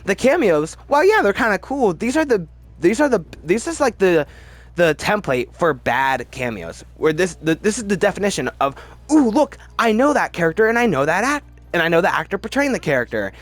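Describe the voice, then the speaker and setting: A man with a high, sing-song voice ranks films at a moderate pace, offering casual, opinionated movie commentary. He rambles as he goes and frequently repeats words to stress his points.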